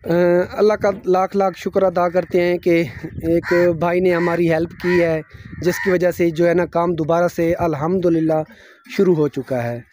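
Young male vlogger, high but mellow voice, earnest and devout, outdoor phone recording. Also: fairly even intonation, normal speed, a little hiss or hum. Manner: earnest, devout, many religious phrases. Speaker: family vlogger. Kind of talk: casual vlog narration. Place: outdoors at a rural building site.

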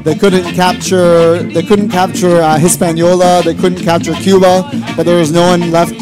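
Chatty man with a mixed Jamaican-Canadian accent. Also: on the high side. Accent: mixed Jamaican and Canadian English. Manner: casual, joking, many fillers. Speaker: rum brand ambassador giving a presentation. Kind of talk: live presentation to an audience. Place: event hall.

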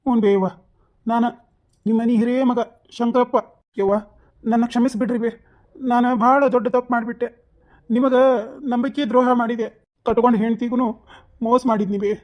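A voice actor playing a remorseful grown son in a cartoon, confessing slowly and solemnly with a North Karnataka accent. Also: mid-range voice, fairly even intonation, highs cut off, natural voice. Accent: North Karnataka Kannada.

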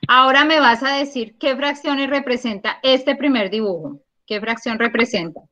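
A woman teaching a primary school math class over a video call, patient and encouraging, counting aloud slowly. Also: high-pitched, pushed and bright. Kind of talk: online class. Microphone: computer mic on a video call.

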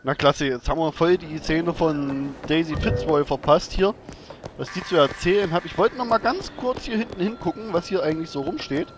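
A man comments casually on a video game as he plays, chatting away to himself and to the game character. His voice sits a little high, and steady background noise runs under the home recording. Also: normal speed. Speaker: let's play host.

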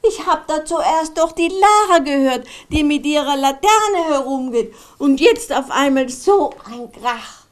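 A woman's voice: high-pitched, expressive, measured pace, few pauses. A woman with an Austrian German accent voicing Kasperl, a merry male puppet jester, chatting to the children in a puppet show. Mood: excited. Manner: chatty, talks to the children in the audience.

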